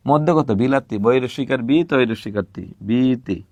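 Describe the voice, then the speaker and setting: A man's voice: medium pitch, no room sound. Patient male teacher, dry close sound. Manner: patient, repeats words slowly, asks and answers own questions. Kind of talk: recorded grammar lesson.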